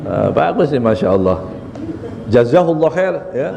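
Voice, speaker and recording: A man's voice: medium pitch, sing-song, measured pace, creaky, long reverb tail, background noise. A man, a religious teacher, giving a chatty study sermon in a prayer room, laughing often and acting out little quoted exchanges. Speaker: ustadz teaching a book on character.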